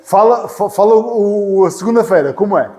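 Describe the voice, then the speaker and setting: A man teaching an English class, playful and teasing, repeating words slowly and clearly for his students. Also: sits high, animated, mellow, long reverb tail. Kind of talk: classroom lesson. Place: church hall classroom.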